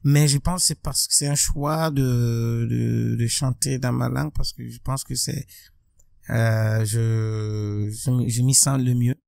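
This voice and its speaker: In a bright, plant-filled room with big windows, a Burkinabè man appearing as a musician guest talks reflectively into a studio mic on a boom arm. His gravelly, mid-range voice has a darkish tone and fairly even intonation. The dry, close recording catches his thoughtful, halting delivery, full of restarts and stop-and-start phrasing.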